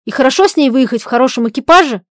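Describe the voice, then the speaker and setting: A woman reads out a young idealist husband, torn between honor and his wife's wishes. He pleads and breaks into loud, anguished shouts. The voice sits fairly high, in a dry, close recording. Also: lively intonation, racing, no echo. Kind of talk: dramatic reading of a stage play.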